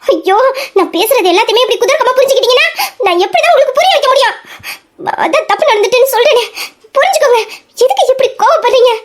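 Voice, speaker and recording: A woman's voice: very high voice, lively intonation, fast. A woman voicing a young wife in an audio drama, pleading with her angry husband and then taunting him. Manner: pleading, defiant. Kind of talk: Tamil audio drama acting.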